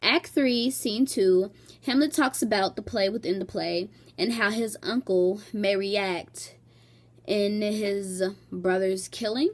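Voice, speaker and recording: A woman student giving a slow, prepared explanation for a class presentation. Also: medium pitch.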